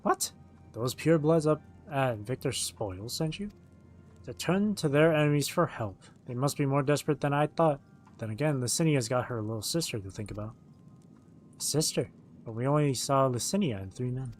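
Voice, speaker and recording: A man with a mid-pitched voice reads video game dialogue aloud on a stream, acting out the lines as he goes. Music plays softly behind him. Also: expressive, moderate pace. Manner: acts out the written dialogue as they read.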